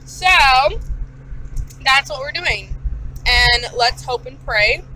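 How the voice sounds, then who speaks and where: A woman's voice: sits high, animated, very slow, bright, forceful tone, slight background noise, rough recording. A woman hosting a casual vlog from a car, chatting to viewers while eating with her mouth full. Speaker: vlogger host. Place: inside a car on the road.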